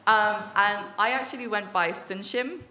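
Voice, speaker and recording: A woman's voice: mid-range voice, unhurried, pushed and bright. A young woman from England giving a casual testimony at a church service, chatty and full of fillers, laughing often. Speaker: workshop participant sharing testimony. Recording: echoey hall sound.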